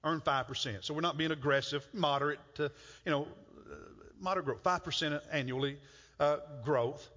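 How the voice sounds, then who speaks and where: In a church sanctuary, a middle-aged pastor preaches a conversational sermon, often repeating words as he builds to a point. His slightly high voice is steady, bright, and forceful at a moderate pace, and the recording is muffled with long reverb from the hall.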